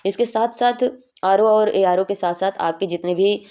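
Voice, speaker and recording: A woman's voice: medium pitch, moderate pace, warm tone. A young woman teaching a Hindi exam revision class, explaining each answer patiently and often checking in with her students.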